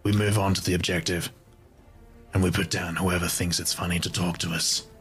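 No-nonsense grim squad warrior, played by a man, low and very husky, measured tabletop role-play. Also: little pitch movement, a bit bright, faint music behind, full character voice. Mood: resolute. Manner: measured, resolute.

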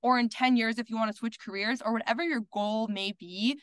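Outspoken woman with a high, dry voice. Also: steady tone, fairly quick, dry recording. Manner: candid and outspoken, swears freely; filler-heavy with many "like"s. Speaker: podcast guest, content creator. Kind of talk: casual interview conversation.

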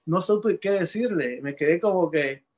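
A man's voice: high-pitched, moderate pace, darkish tone. A man from Peru, a painter, telling a personal story in an interview, slipping into English words and often restarting his sentences.

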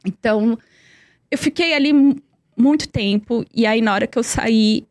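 A woman's voice: on the high side, moderate pace, darkish tone, dry recording. A young woman telling a personal story in earnest, repeating words for emphasis. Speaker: guest.

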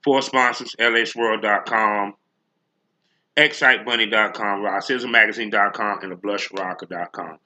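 A man's voice: lowish voice, fairly even intonation, normal speed, sharp tone, muffled recording. A man hosting a solo podcast rant, speaking bluntly and emphatically with heavy slang and profanity. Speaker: podcast host.

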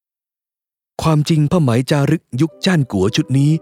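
A man narrating a first-person novel as an audiobook, telling it in a lively, expressive way. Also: a little high, fast talker, soft background music.

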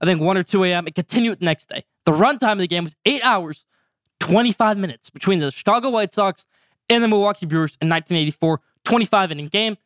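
A fifteen-year-old boy hosting his own sports podcast, talking energetically and stretching out segment names when excited. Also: sits high, fast talker, no room sound, studio quality. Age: teens. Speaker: podcast host. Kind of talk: solo sports podcast commentary.

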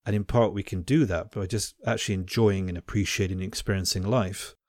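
This man's voice sits low and darkish, with a steady tone and a fairly quick pace. He's a podcast host who teaches at a university, and he talks thoughtfully and academically, frequently starting his phrases over in a reflective, conversational way. The recording is dry and studio quality.

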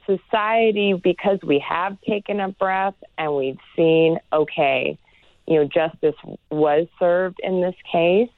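A woman professor speaks in an earnest, measured way, often pausing on "you know." Her voice sits a little low. The sound is dry and tinny, as if over a phone line. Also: no room sound. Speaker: guest, neuroscience professor. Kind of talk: interview answers.

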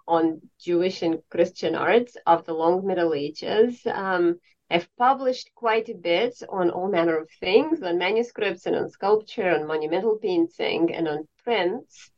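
A woman from Estonia, a professor of art history, speaking thoughtfully in an interview with frequent pauses. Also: medium pitch. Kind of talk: conversational interview. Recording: dull lo-fi sound.

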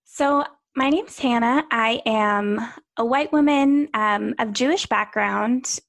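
Storytelling woman guest, slightly high voice. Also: slow pace, vocal fry, fairly bright tone. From Pennsylvania, USA. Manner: thoughtful, storytelling with hesitations. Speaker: podcast guest, co-founder. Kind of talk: casual interview conversation.

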